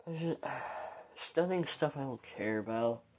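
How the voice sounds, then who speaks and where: A tired young man in his late teens talks through a loose solo podcast into his phone. He stalls on ums, trails off into sighs and wanders from thought to thought, his voice sitting in an ordinary middle pitch. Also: animated, moderate pace, darkish tone. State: weary and low. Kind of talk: rambling casual monologue.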